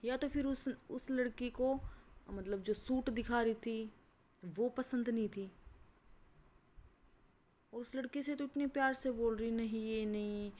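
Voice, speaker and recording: A woman's voice: fairly high pitch, measured pace, pauses often, mellow. A woman telling a story in a casual, chatty, indignant way, full of fillers.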